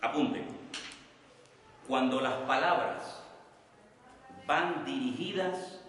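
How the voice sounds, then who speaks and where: A man from teaching a Bible study class as pastor, speaking slowly and repeating key terms so his students can note them down. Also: medium pitch, fairly bright tone. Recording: echoey hall, voice from far off the mic.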